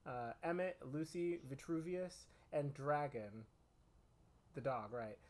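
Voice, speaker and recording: Joking man with a lively voice. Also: a little high, slow. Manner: joking, playful, lots of laughing asides. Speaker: script reader. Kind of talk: casual script read-through.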